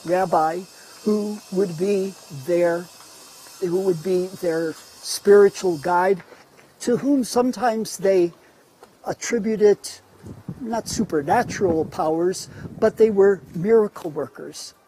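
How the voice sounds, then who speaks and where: A man guides a live online walking tour outdoors, lecturing in a mellow, high-pitched voice. He talks slowly, pausing on fillers and breaking off to restart words. Faint street ambience runs underneath. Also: a little hiss or hum, low-quality recording. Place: outdoors in a city neighborhood.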